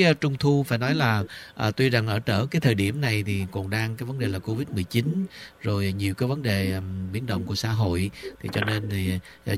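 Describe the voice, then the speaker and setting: A man hosts a radio call-in show, speaking in a formal, courteous way. He fills his pauses with many hesitations as he chats with his guest. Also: on the low side. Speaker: radio host.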